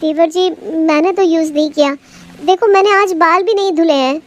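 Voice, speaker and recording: A woman voicing a polite young daughter-in-law who keeps quiet but mutters her complaints. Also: very high voice, normal speed. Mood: concerned.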